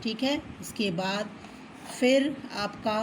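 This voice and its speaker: A woman teacher patiently explaining a children's lesson, often checking in with a quick okay and drawing words out slowly to sound them out. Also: medium pitch, noisy background. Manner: slow, drawn-out syllables when reading words aloud. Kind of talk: children's Hindi alphabet lesson.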